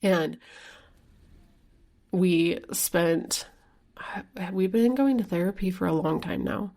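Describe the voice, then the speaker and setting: A woman's voice: on the low side, takes it slowly, dark tone. A woman hosting her own podcast as a life coach, talking candidly and casually in a solo monologue, filling her speech with "like" and the odd swear word. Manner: chatty, frequent "like" fillers, candid with mild swearing.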